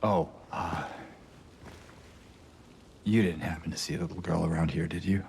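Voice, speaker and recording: A man mock-dubbing a game cutscene in a low, gravelly voice as a weary, earnest grown man. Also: fairly even intonation, normal speed, a little mellow, a little hiss or hum.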